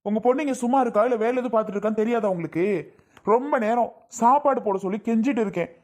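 A woman's voice: fairly high pitch, rapid-fire, dark tone, lightly acted. A woman doing a grumpy ranting young husband. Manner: irritable, complaining, ranting. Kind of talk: family skit acting.

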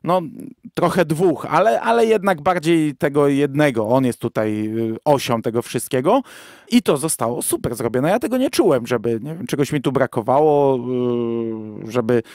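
This podcast co-host has a medium-pitched, animated, slightly mellow voice at a normal speed, recorded remotely from a virtual studio with clean sound and no room echo. In a casual review discussion, he sounds hesitant and keeps correcting himself as he goes.

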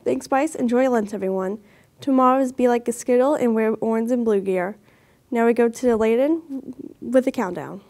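A teenage girl reads scripted announcements as a student anchor. Her voice sits fairly high and has a very mellow, relaxed tone. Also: normal speed. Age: teens. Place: school TV studio.

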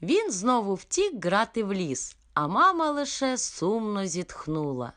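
A woman narrating a children's fairy tale in a gentle, unhurried way. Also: mid-range voice, very animated.

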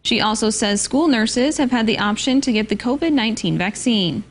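A female news anchor reading scripted local news in a crisp, measured way. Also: on the high side, expressive.

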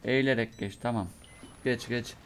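A young man giving let's play commentary on a horror game, talking to himself and cursing in bursts, his voice going hoarse from a sore throat. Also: medium pitch, steady tone, moderate pace, fairly bright tone, slight background noise. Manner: mutters to himself, curses and reacts in bursts. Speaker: gamer playing a horror game.

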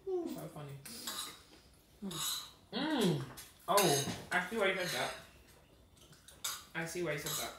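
Slow-talking amused young woman. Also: fairly low pitch, sing-song. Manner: amused and laughing. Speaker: friend at dinner. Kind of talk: casual chat over a meal. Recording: roomy, distant, noisy restaurant. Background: cutlery and dishes clinking.

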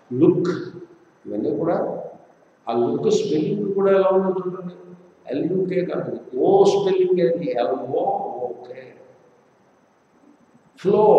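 A man's voice: fairly high pitch, warm tone, a little hiss or hum. Man teaching scripture in an echoey hall. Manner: explains by asking and answering his own questions; chants verses slowly. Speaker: spiritual teacher. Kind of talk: scripture discourse. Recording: distant, echoey hall, dull lo-fi.

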